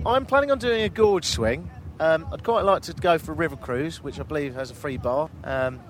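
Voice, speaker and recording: A man's voice: a little high, fairly quick, slight background noise. A man hosting a travel vlog outdoors on a river boat, speaking in a dry, self-deprecating, joking way. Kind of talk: casual travel chat.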